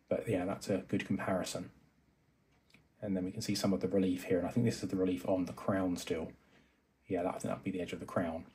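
A man hosts an electronics video from an indoor desk set up with a microscope and monitor, talking through a hands-on demonstration. His fairly low, darkish voice carries thinking-aloud narration full of fillers and self-corrections.

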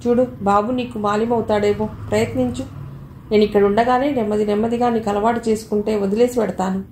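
A woman's voice: medium pitch, steady tone, quick pace, a little mellow, a little hiss or hum, close to an everyday voice. A woman voicing a kind, self-assured younger sister who reasons confidently, in a storybook reading. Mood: persuasive. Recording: echoey room, faint ambience.

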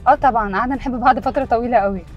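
Brief: Egyptian woman, prank driver, rapid-fire provocative banter, slightly high voice. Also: muffled recording, faint music behind. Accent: Egyptian Arabic. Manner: teasing, provocative, flirty. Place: inside a car.

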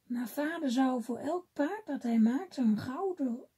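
A woman reading aloud, voicing a polite young boy who speaks softly. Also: high-pitched, animated, a little slow, breathy edge, heavily acted. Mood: earnest.

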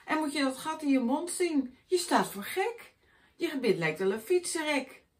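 A woman voicing a grumpy, greedy male schoolteacher who hates children, boastful and scornful, in a high, loud voice. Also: very animated, moderate pace.

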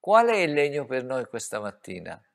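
A man preaching a sermon, dropping to quiet asides and rising to loud exclamations while coaching his listeners through a Bible reading. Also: medium pitch, huge pitch swings, moderate pace, vocal fry.

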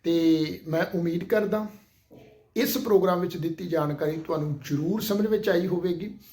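A man with a Punjabi accent teaching how to pronounce scripture, reciting verses slowly and repeating single words syllable by syllable. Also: a little high, mellow. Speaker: Gurbani pronunciation teacher. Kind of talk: slow recitation lesson.

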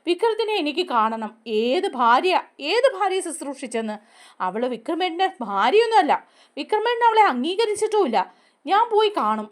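A woman voicing an indignant, jealous young woman from a TV serial who bursts out in shrill, accusing lines. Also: sing-song, fairly quick.

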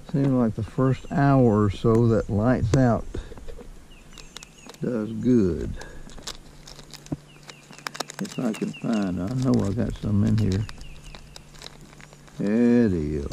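A man giving slow, folksy commentary while fishing from a small boat, recorded on an action camera. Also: on the low side, creaky, warm tone, a little hiss or hum. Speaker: fishing vlogger. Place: small boat on a lake, outdoors. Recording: faint outdoor lake ambience.

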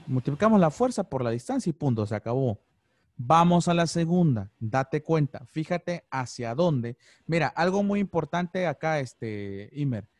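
A man's voice: mid-range voice, a little mellow, no echo, clean studio sound. A man teaching an online class, explaining step by step and often checking in with "ok?". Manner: patient, checks understanding with frequent "ok?". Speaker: physics teacher. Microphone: video call.

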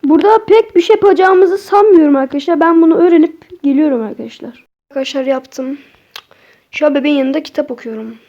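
Casting: young woman gaming streamer, high voice, excitable, chatty, slightly muffled mic. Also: fast talker. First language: Turkish. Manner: excitable, talks to viewers, swears at the game. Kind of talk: casual horror game commentary.

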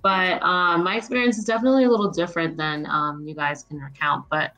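Relaxed young woman, low voice, video call. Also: fairly quick, faint music behind, rough recording. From Maryland, United States. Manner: relaxed, many fillers. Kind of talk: casual video call interview.

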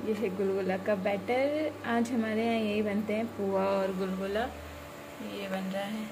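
A young woman vlogging casually from her family home, often narrating in a hushed near-whisper. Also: steady tone, measured pace, noisy background. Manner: high sing-song baby talk to her son.

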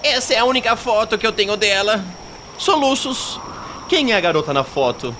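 A man voicing a grieving old woman who sobs as she speaks, in a high falsetto. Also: lively intonation, normal speed, noisy background. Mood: tearful.

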